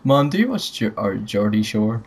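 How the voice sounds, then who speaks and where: A man's voice: lowish voice, very animated, normal speed, husky. A young man hosting a gaming video, chatting crudely and joking with a friend while he plays. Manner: crude, joking, laughs often. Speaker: gaming channel host. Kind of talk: casual gameplay commentary chat.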